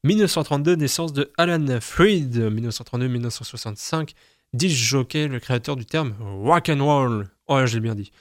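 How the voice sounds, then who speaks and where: A man's voice: medium pitch, fairly quick, no echo, clean studio sound. A young man hosting a casual reading of the day's almanac, chatty and self-mocking, often stumbling over his words. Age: young adult. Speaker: host.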